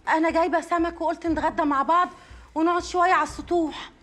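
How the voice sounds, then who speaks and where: Brief: an anxious Egyptian mother, very high, quick. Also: fairly even intonation, fairly bright tone. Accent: Egyptian Arabic. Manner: anxious, insistent. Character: worried young wife and mother, demanding answers. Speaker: actor. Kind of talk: TV drama acting.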